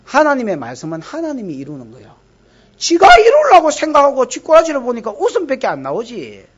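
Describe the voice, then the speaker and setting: Animated woman pastor with Gyeongsang accent. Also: sits high, fairly quick, slightly rough, lo-fi sound. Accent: Gyeongsang Korean. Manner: lively, teasing, asks the congregation questions. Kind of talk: expository sermon. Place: church service.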